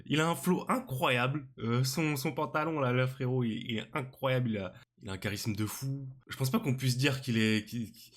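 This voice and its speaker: A young man giving excited reaction commentary, slangy and exclamatory, often repeating his phrases. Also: mid-range voice, moderate pace. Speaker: manga reaction youtuber. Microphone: studio microphone on arm.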